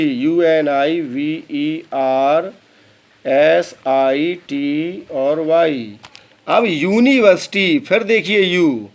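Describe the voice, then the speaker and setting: A man teaching English grammar, who spells words out letter by letter and calls his students "beta". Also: fairly high pitch. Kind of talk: classroom lesson.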